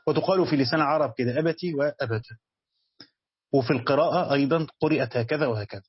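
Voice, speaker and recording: A man's voice: medium pitch, fast, breathy edge, dull audio. A man with an Egyptian accent teaching Quran commentary in a classroom lecture, repeating key phrases and putting questions to his students. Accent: Egyptian Arabic.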